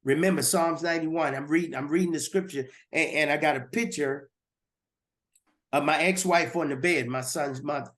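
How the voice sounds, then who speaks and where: A man's voice: on the high side, normal speed, a bit bright. A man giving a personal testimony as a guest, earnest and repeating words as he goes.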